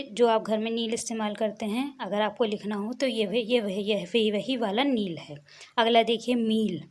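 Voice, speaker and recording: A young woman, a teacher patiently explaining English words and spelling them out letter by letter. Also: medium pitch.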